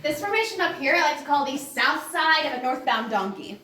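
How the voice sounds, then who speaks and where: A woman guides a tour through a cave, her voice high and bright. It rings with strong cave echo and comes from well away from the microphone, with faint noise around it. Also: big pitch swings, a little fast. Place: inside a large show cave. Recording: echoing cave, far from mic, faint noise.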